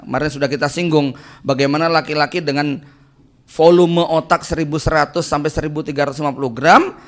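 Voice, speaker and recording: A man giving a casual Islamic study lecture as preacher and family counselor, talking conversationally and animatedly and tagging his phrases with little checks to the audience. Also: a little high. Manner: conversational, tags nearly every phrase with "ya" and "gitu kan"; animated, jumps between stress and quiet asides.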